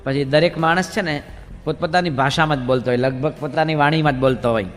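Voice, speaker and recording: A male monk giving a humorous sermon in a large hall, telling jokes and acting out characters in lively storytelling. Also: on the high side, quick pace.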